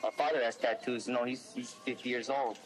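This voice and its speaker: A young man in a casual interview, speaking in a halting, earnest way. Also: medium pitch, steady tone, faint music behind.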